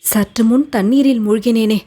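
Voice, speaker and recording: A woman's voice: fairly high pitch, fairly even intonation, moderate pace, mellow, lightly acted. A woman voicing a lovelorn young woman who speaks of her sorrow in a plaintive, earnest way in an audiobook. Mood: wistful. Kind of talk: audiobook character reading.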